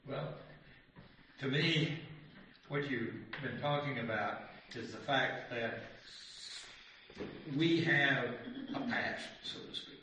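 A man in a class, answering the teacher in a thoughtful, measured way. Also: mid-range voice, pushed and bright. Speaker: class member. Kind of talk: answering in a group discussion. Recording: very echoey room, from far off, faint noise.

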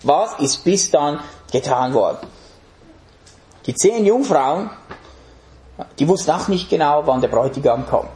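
A man's voice: a little high, darkish tone, reverberant. A man preaching a sermon in an emphatic way, putting rhetorical questions to the congregation.

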